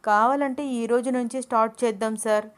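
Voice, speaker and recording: A woman's voice: fairly high pitch, fairly even intonation, smooth, natural voice. Woman voicing a cheeky young student girl. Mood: playful pleading. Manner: pleading, teasing, talks fast.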